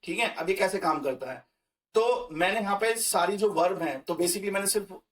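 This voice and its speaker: A man's voice: high voice, normal speed, far from the mic. A man teaching German grammar as a screen-recorded lesson, talking conversationally with fillers and restarts. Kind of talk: explaining German grammar in Hindi.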